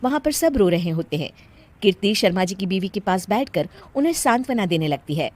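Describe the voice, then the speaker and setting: A woman narrating a cartoon story in a plain, measured way. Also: medium pitch, animated, a little mellow.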